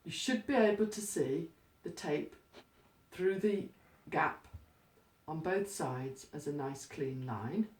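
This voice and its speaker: Woman doing a practical craft how-to, deepish voice, bit far from the mic. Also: slow pace, darkish tone. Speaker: craft instructor. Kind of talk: step-by-step how-to demonstration. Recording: roomy, echoey, distant microphone.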